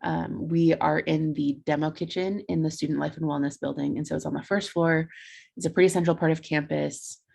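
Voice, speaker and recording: A woman's voice: deep voice, steady tone, brisk, vocal fry, darkish tone, breathy edge. A young adult woman on a video call, earnestly explaining how her campus food pantry runs, with frequent ums and likes. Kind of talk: conference presentation over video call.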